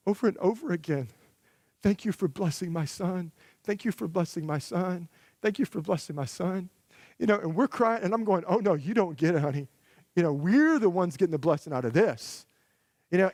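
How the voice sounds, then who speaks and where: A man's voice: high voice, no echo, clean studio sound. A middle-aged man preaching a conversational, storytelling sermon to a church congregation, emphatic and full of rhetorical questions to parents. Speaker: guest preacher. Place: church sanctuary.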